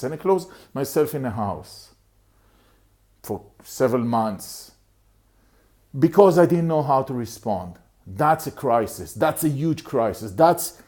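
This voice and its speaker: A middle-aged man from Israel, a motivational speaker telling his personal life story to the camera in an earnest, halting way, often repeating and restarting phrases. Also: a little high, a little mellow.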